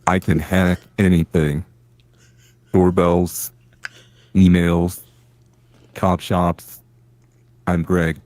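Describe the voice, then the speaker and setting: Give me a smug male hacker boasting that he can hack anything. The voice is pushed very low and crawls along slowly in an even, flat drone. It sounds dry and close to the mic. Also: no echo. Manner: slow, flat, menacing boasts. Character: boastful male online hacker mocked as everywhere. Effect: voice changer lowering the voice. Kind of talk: mocking bit on a livestream chat.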